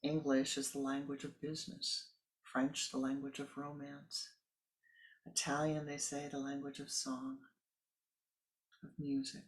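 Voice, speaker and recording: A spiritual teacher delivers a sermon in a monotone, medium-pitched voice, speaking a little slowly with long pauses on a low-quality recording. He muses aloud in asides and repeats words for emphasis.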